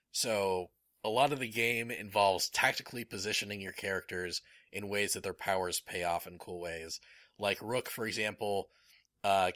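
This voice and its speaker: A man's voice: lowish voice, pushed and bright, dry recording, studio quality. A man chatting casually as a podcast host, enthusiastic and rambling, with many fillers. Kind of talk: casual chat.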